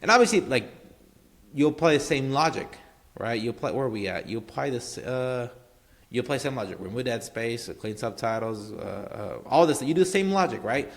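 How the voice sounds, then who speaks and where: A man's voice: medium pitch, expressive, fairly quick. A man hosting a casual screen-share marketing tutorial, rambling with lots of fillers and tag questions. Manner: rambling, filler-heavy, keeps saying obviously and right.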